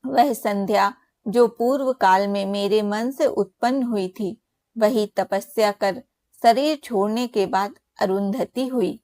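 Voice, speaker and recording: A woman's voice: mid-range voice, warm tone, no room sound, lightly acted. A woman reading as the solemn god Brahma. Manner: solemn measured storytelling. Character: creator god Brahma, a wise solemn male elder.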